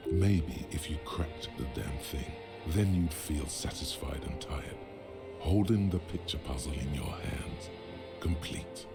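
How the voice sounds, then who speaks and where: Brief: a wry game narrator, very deep, measured. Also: male voice, loud music behind the voice, heavily acted.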